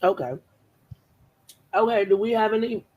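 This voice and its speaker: A man with a notably high voice hosts a casual livestream. His talk is teasing and playful, with a sassy edge as he reads out chat questions and ribs his panel. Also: steady tone, moderate pace, narrow, tinny audio. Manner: teasing, playful, calls people "girl" and "honey". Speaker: livestream host.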